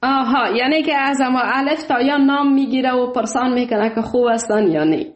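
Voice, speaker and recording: A woman hosting a call-in show, polite, thanking often and pausing with fillers. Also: sits high, reverberant. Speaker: radio show host.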